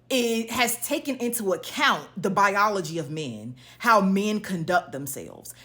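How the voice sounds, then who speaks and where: A social media commentator delivers a blunt, emphatic, opinionated monologue to viewers, firing off pointed rhetorical questions along the way. Her voice is on the high side and a bit bright.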